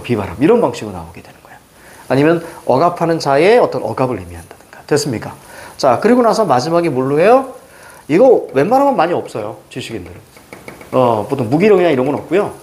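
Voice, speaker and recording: Animated male literature teacher. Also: mid-range voice. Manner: animated, asks quick questions to students. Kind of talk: exam-prep lecture.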